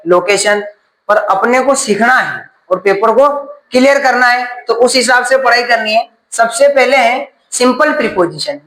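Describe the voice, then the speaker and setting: A man's voice: sits high, sharp tone, reverberant, poor audio. A man teaching a grammar class, asking questions and then answering them himself.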